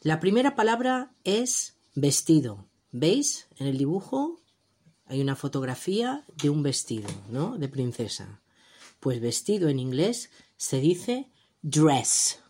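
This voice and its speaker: Slow, patient teacher woman. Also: low-pitched, very animated, mellow, slightly rough. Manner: slow, patient, repeats words for the listener to echo. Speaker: English teacher for children. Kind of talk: vocabulary lesson for kids.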